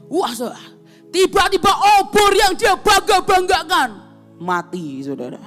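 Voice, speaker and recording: A woman preacher tells a sermon story in a high, bright voice. She swings her pitch widely, leaping up to act out the characters' lines. Soft music plays beneath her. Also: a little slow. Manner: animated, acts out characters with big pitch jumps. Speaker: evangelist preacher.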